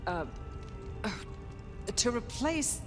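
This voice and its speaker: Imperious ancient female vampire, slow and languid, widely swooping pitch, condescending, dreamy, dramatic game acting. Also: very animated, over music. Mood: imperious, disdainful. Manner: languid, condescending, drifting into trance-like reverie.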